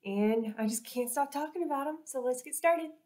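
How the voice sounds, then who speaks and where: A woman's voice: high voice, normal speed, heavy background noise. A woman in her thirties, a librarian recommending books in a casual, upbeat and informal talk to camera. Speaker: librarian presenting a book recommendation. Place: small indoor room by a window.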